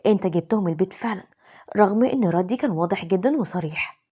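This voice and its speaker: A woman with an Egyptian accent voicing a firm, indignant young wife in an animated story, in a breathy voice. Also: medium pitch, fast, lightly acted.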